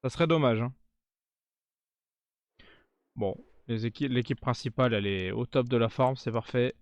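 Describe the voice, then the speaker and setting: A man's voice: medium pitch, moderate pace, no echo, highs cut off. A man giving casual running commentary on his video game, given to sarcastic, grumbling asides. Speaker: gaming video creator.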